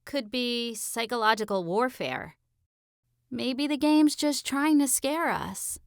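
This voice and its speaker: A man voicing a wary sixteen-year-old girl caught in danger, in an audiobook, with a high, anxious, drawn-out delivery. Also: creaky, fairly bright tone, clear, resonant tone, exaggerated voice.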